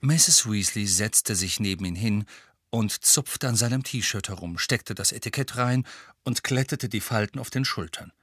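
A man narrating an audiobook in a clear, expressive storytelling voice, in a studio. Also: lowish voice, moderate pace, no room sound. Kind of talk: audiobook reading.

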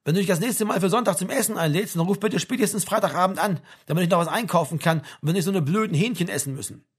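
A woman's voice: on the low side, fast talker, husky, pitched above the performer's own voice. A man voicing a stern, indignant middle-aged mother who scolds her family in an audiobook. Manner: indignant, sharp, nagging.

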